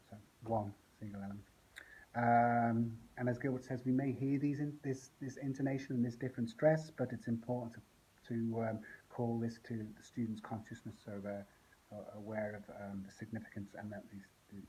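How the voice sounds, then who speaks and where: A man with a lowish voice explains his lesson plan, thinking aloud and pausing often as he goes. His delivery stays fairly even and flat. A faint hiss sits under the recording. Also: low-quality recording. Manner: unscripted, thinking aloud with frequent pauses. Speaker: English language teacher.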